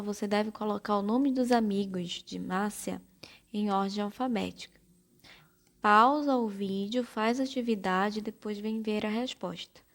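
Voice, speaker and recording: A woman teacher with a Brazilian Portuguese accent, giving a slow, careful primary-school lesson and spelling out syllables one by one. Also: mid-range voice. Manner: spells out syllables slowly and deliberately.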